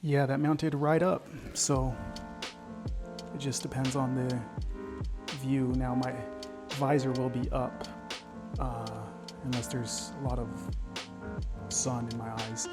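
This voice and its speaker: A man's voice: medium pitch, flat delivery, slow pace, long pauses, music in the background. A man talking casually as a car vlogger, in an easygoing way, thinking aloud as he goes. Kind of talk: casual vlog chat.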